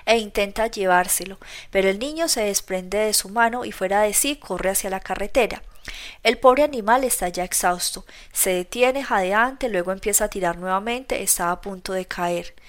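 A woman narrating a classic novel as an audiobook reader, in steady storytelling. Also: medium pitch, moderate pace. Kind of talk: scripted narration.

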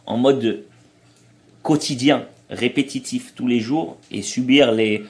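Homme d'âge moyen qui raconte des anecdotes. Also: male voice, medium pitch, slow pace, darkish tone. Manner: explanatory, anecdotal, hesitant restarts. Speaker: guest, traveling parent. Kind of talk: casual interview chat.

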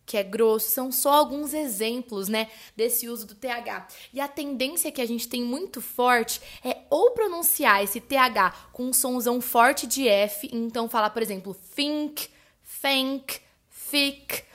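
A Brazilian woman who teaches English hosts a podcast lesson in a Brazilian Portuguese accent, her voice a bit high and fairly bright. Chatty and friendly, she calls her listeners "gente," keeps checking in with "né?" and "tá bom?", and slows down to pronounce example English words carefully.

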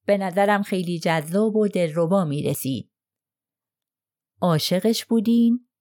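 A woman's low, gently mellow, natural-sounding voice carries an audiobook character: a hard, icy male attorney probing a witness with pointed questions.

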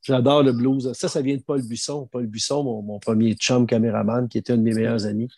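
A man's voice: mid-range voice, brisk, no room sound. A middle-aged man with a Quebec French accent telling anecdotes in casual, slangy conversation. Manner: animated anecdotal storytelling with slang. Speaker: storyteller guest sharing anecdotes. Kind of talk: casual chat.

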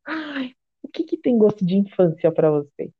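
A woman's voice: mid-range voice, very animated, normal speed, breathy edge. A woman podcast host with a Brazilian Portuguese accent, chatting casually with a guest, self-deprecating and full of restarts. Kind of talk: casual chat. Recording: tinny phone-like sound.

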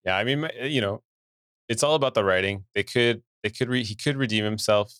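A man's voice: lowish voice, a little fast, a bit bright, clean tone, no echo, clean studio sound. A man hosting a podcast, talking casually and enthusiastically with his co-host. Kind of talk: casual chat.

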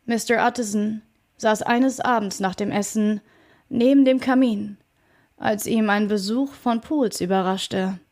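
A woman narrating a classic novel as an audiobook in a clear, measured reading voice. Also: mid-range voice, a little mellow. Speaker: audiobook reader.

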